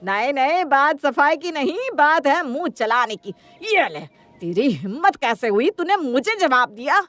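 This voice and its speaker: A woman's voice: medium pitch, moderate pace, no echo, lightly acted. Woman doing a mean bossy saas, scolding hard, cartoon story. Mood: angry. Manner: scolding, harsh. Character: cruel middle-aged mother-in-law, harsh and bossy.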